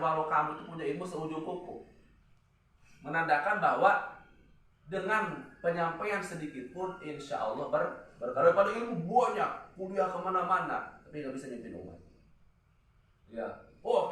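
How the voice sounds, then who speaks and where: Man, classroom teacher, playful, distant mic, echoey room. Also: a little high. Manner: joking, lively teaching with drawn-out spoken examples. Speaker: teacher at an Islamic boarding school. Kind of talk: classroom English lesson.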